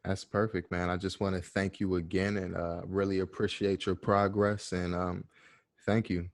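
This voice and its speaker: Deep-voiced relaxed male host, dry sound. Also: normal speed, no echo. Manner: relaxed, brief and encouraging, often laughing along. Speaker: podcast host. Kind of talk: casual interview.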